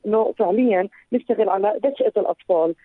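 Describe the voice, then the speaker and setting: A woman with a Palestinian accent calls in to a radio discussion, her voice coming through a headset microphone over a thin, phone-like line. She talks very quickly and earnestly, with a high voice for a speaker of her kind. The sound is husky and a little rough. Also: no echo. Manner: fast, earnest, explanatory. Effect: phone call through a headset mic. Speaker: phone-in guest on women's rights.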